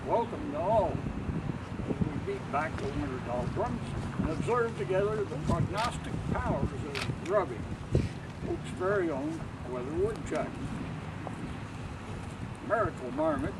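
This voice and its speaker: A man declaiming a formal scripted proclamation like a town crier, announcing a public ceremony outdoors with a gravelly voice. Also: sits high, sing-song, unhurried. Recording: distant outdoor mic, loud wind noise.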